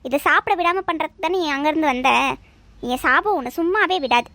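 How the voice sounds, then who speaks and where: A woman's voice: high-pitched, a little fast, sharp tone, dry recording. A woman voicing a stubborn middle-aged cartoon mother who sneaks sweets and scolds her son. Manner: defiant, whining, scolding. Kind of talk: cartoon voice acting.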